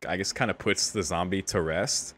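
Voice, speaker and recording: A man's voice: sits low, moderate pace, a bit bright. A young man hosting a casual anime reaction, exclaiming candidly, often laughing and swearing. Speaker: anime reaction channel host.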